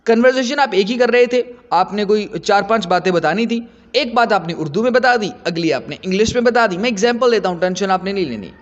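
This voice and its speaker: Man teaching, high voice, long echo, kinda muffled. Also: a little fast. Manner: lively, repeats points for students. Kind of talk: explanatory lecture.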